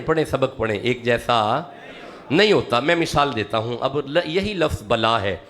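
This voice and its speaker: A man's voice: mid-range voice, fairly bright tone. A man preaching a sermon to a live audience, emphatic and repeating his key words. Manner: emphatic, repeats key words, rises when urging the crowd. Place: gathering before a live audience.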